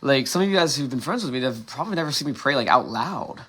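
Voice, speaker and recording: A man's voice: medium pitch, expressive, quick pace, fairly bright tone, breathy edge. Candid, profane man rambling outdoors. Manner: candid, profane, meandering with many restarts. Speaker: livestream host. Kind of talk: casual rambling monologue. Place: outdoors in a suburban yard before dawn. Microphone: phone.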